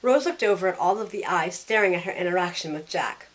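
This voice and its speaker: Close to her everyday voice, a young woman with a lowish tone, quick pace, and lively intonation narrates in the first person as a sassy, loyal modern heroine. As narrator and lead, she delivers the story and its in-character dialogue in a wry, conversational manner.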